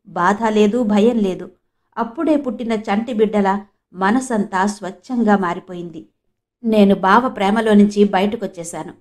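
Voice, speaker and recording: A woman's voice: medium pitch, a little mellow. A woman from Andhra Pradesh narrating a novel in the first person with mournful, emotional storytelling. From Andhra Pradesh, India. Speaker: audiobook narrator.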